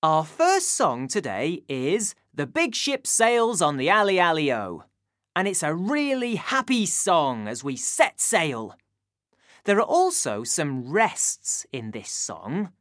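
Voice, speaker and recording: A woman's voice: low-pitched, very animated, slow pace, fairly bright tone, no echo. A woman presenting a school radio singing lesson, giving sing-song instructions to children. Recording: dry studio sound.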